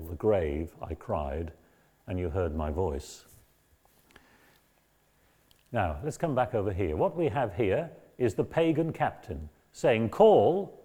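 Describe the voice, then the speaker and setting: A man giving a lecture on a Bible book, reading passages aloud and explaining them in a measured way. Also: on the low side, a little mellow. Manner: measured, explanatory, raises voice when quoting. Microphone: battery-powered mic.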